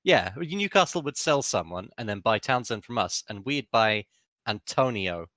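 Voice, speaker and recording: A man's voice: on the low side, lively intonation, moderate pace, a bit bright, no echo, clean studio sound. A man with a London accent co-hosting a fan podcast in casual, teasing chat, laughing often. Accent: London English. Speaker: podcast co-host.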